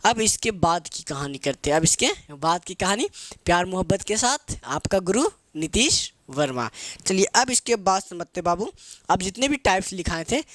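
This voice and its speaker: A man with a high, somewhat bright voice teaches grammar playfully and with jokes, asking questions and then answering them himself while calling his viewers "babu." There's no echo.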